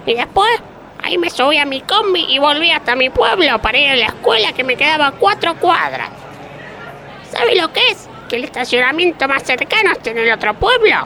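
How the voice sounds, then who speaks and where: In a comic radio play, an actress gives a full character voice to an indignant old working woman with an Argentine accent who argues, rambles and contradicts herself. Her voice is high-pitched, sharp, very animated and a little fast. Faint vehicle and street noise and people can be heard behind her.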